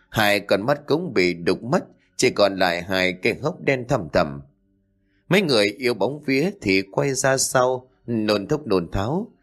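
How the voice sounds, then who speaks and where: A man reads a horror story aloud in an expressive narrator style. His voice sits low but moves through a wide, lively range of pitch. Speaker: audiobook narrator.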